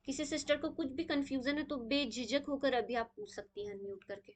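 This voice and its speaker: A woman's voice: high voice, fairly even intonation. A woman teaching a live online tajweed class over a video call. She keeps checking in with "okay?" and mixes in English words.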